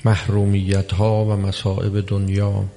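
A man preaching a religious sermon, measured and emphatic, with long pauses between phrases. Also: lowish voice, monotone, warm tone. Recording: long hall reverb.

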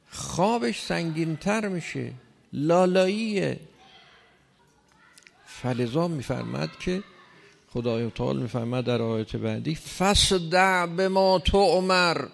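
A man preaches a sermon in a slightly high, creaky voice, pushing hard on key lines and rising to loud stresses. Long hall reverb surrounds his words.

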